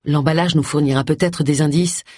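A reader voicing a calm, firm male police detective in an audiobook. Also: medium pitch, a little fast, dry recording, studio quality, lightly acted.

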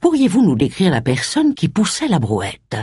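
A woman voicing a middle-aged gentleman with a dry, teasing manner, in a low, soft, murmured voice. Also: wildly swooping pitch, normal speed, slightly rough, no room sound, heavily acted. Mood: calm.

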